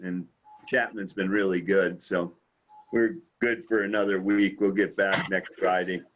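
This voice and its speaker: Dull video-call sound, man, lowish pitch, casual group chat. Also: level tone, measured pace, fairly bright tone, a little hiss or hum. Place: online video meeting.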